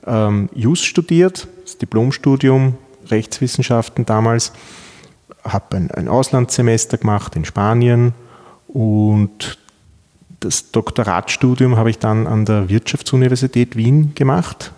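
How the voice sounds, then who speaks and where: Mellow and measured, this medium-pitched voice belongs to a middle-aged law professor from Vienna with a Viennese Austrian German accent. He fields interview questions in a large hall, often restarting and filling pauses.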